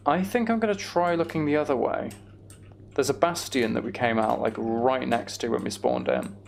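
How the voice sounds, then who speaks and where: A British man narrates his own gameplay in casual commentary, thinking aloud and swearing mildly as he goes. His voice sits at medium pitch with some vocal fry, and there's slight noise in the background.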